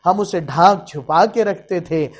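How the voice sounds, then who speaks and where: A man preacher voicing an aging father who pleads sorrowfully with his wayward only son, in a sermon story. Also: sits high. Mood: sorrowful pleading.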